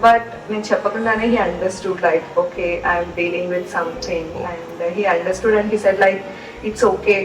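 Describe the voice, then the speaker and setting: A woman's voice: fairly low pitch, fairly even intonation, takes it slowly, few pauses, background noise. A young woman, a bride, talking about her fiancé in a wedding video interview, mixing two languages with many hesitant fillers. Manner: mixes Telugu and English, hesitant fillers. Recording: roomy echo from far off with loud music.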